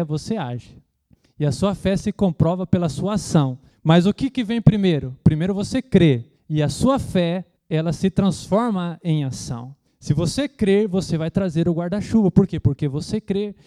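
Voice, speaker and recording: Man, high-pitched voice, preacher, sermon, rhetorical questions, frequent amens. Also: animated, moderate pace. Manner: acts out loud shouting prayers as a mock imitation. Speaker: pastor.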